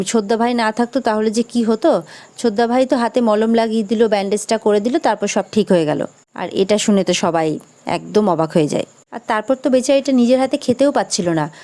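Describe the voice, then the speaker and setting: A woman narrating a TV serial episode in lively storytelling, voicing each character. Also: mid-range voice, brisk.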